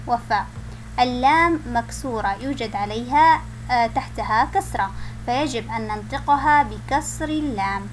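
Young female teacher, high voice, slow emphatic letter drills for kids, faint noise behind. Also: poor audio. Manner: slow, emphatic letter-by-letter recitation, stressing heavy letters loudly. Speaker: Quran recitation teacher. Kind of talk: children's lesson on letter pronunciation.

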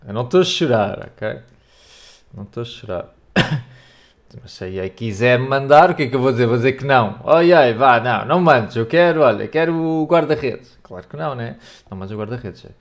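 A young European Portuguese man chatting to his stream as he opens packs. He rambles casually and jumps into excited outbursts over good pulls. His voice sits at an ordinary middle pitch. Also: a little fast. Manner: animated, shouts and laughs over big pulls, chatty asides to chat. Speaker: gaming youtuber. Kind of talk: excited pack-opening commentary.

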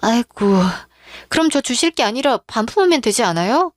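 A woman's voice: on the high side, animated, normal speed, dry recording, studio quality. A woman narrating a radio-style drama in a plain, earnest manner. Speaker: narrator and storyteller.

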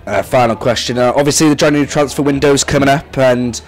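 A man interviewing a football manager for a club channel, asking quick, informal questions. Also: mid-range voice, fairly even intonation. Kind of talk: post-match interview questions.

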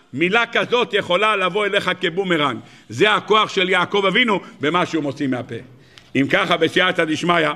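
A middle-aged rabbi teaches a Torah lesson in a high, bright voice. Gravelly fry runs through his speech. He tells stories with animation and keeps turning to his listeners with rhetorical questions.

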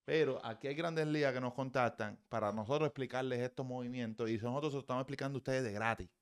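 A man's voice: mid-range voice, fast talker, smooth. Guy breaking down a baseball swing, blunt and cussing a lot, really emphatic. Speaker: baseball hitting coach. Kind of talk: casual swing-analysis commentary.

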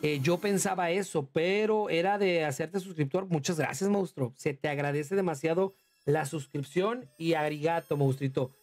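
A talkative man with a Mexican accent streams a game and chats with viewers, his voice sitting a little high. He calls them "monstruo" as he thanks them, while faint music plays behind him. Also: normal speed, darkish tone. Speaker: livestreamer. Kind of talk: casual livestream gaming commentary.

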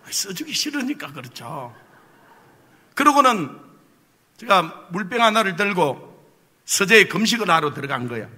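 A man's voice: sits high, sharp tone. A male pastor preaching a sermon, telling a personal story with humor and tossing rhetorical questions to the congregation. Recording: long reverb of a church hall.

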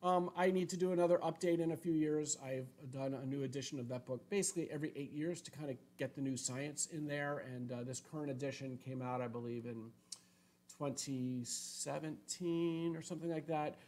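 A man in his sixties, a climbing coach hosting a casual live question-and-answer show from a room at home, relaxed and thinking aloud with many fillers. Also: on the high side, brisk. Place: home room with shuttered windows. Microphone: webcam video call framing.

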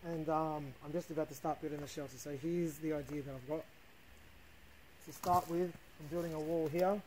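A man's voice: fairly high pitch, steady tone, normal speed, darkish tone, slight background noise, poor audio. A man in his thirties casually explaining a shelter build he is working on in a forest, thinking aloud as he goes. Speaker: bushcraft vlogger. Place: outdoors in a forest. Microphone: camera mic, outdoors.

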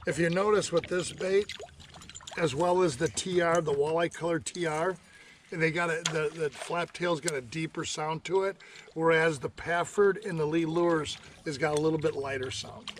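A man's voice: on the high side, steady tone, normal speed, recorded from a distance. An older man giving casual fishing tips from a small boat on a river, folksy and full of "you know" fillers. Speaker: fishing guide. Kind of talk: casual instructional chat. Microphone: action camera on the boat. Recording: outdoor camera mic with noise.

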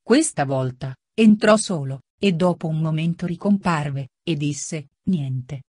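A woman narrating an audiobook of a classic novel in a measured, even, literary reading. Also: sits low, no room sound, clean studio sound.

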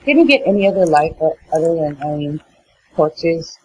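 A woman's voice: low-pitched, animated, moderate pace, warm tone, low-quality recording. A middle-aged woman casually chatting as she learns a video game, puzzled and blunt at times. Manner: puzzled, blunt, mildly grumpy. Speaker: mother learning to play. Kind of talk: casual gameplay chat. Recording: faint background noise.

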